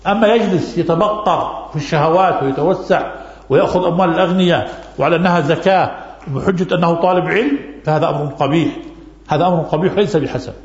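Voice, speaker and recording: Fast, gravelly-voiced sheikh answering questions. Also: male voice, a little high. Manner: repeats key phrases for emphasis. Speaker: Islamic scholar answering questions. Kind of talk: religious question-and-answer lesson. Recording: echoey, dull lo-fi recording.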